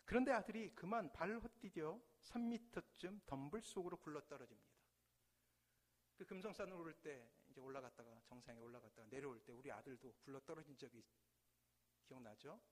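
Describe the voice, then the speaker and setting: A middle-aged man, a pastor, preaching a sermon with dramatic swells and hushed drops in a church sanctuary. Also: fairly high pitch, brisk. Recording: church hall reverb.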